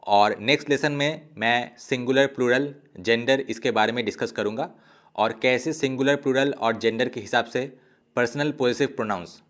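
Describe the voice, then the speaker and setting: A man teaching an online language lesson, explaining step by step and slowly drawing out example words to model their pronunciation. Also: medium pitch, a bit bright.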